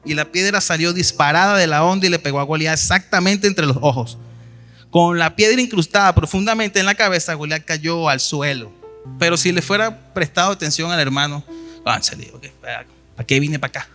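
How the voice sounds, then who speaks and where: Man, sermon, high bright voice, soft guitar behind. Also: fairly quick. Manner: storytelling, reads scripture aloud with emphasis. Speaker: preacher.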